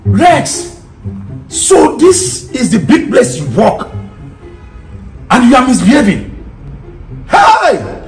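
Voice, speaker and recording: Guy doing a stammery nigerian village uncle, gravelly, echoey room with loud music. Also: extremely high pitch, sing-song, takes it slowly, long pauses, full character voice. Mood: scolding. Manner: stammering, pleading. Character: flustered village uncle, older man.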